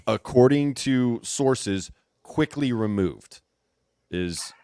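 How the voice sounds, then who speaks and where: A man hosting a casual gossip commentary chat, talking in an animated, teasing way with emphatic repetition. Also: medium pitch, slow pace, smooth, no room sound, studio quality. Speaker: host.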